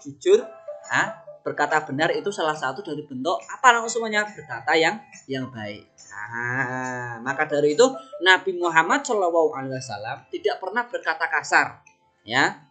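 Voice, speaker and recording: Guy teaching little kids, bright voice, keeps asking then answering his own questions, soft music in the back. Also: fairly high pitch. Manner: coaxing, asks questions and answers them himself. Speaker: religious education teacher. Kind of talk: online lesson for young children.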